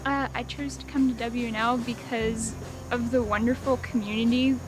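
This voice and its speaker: A woman's voice: fairly high pitch, steady tone, moderate pace, rough recording. A young woman from Oregon, a college student, giving an upbeat, enthusiastic casual testimonial. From Oregon, USA. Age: young adult.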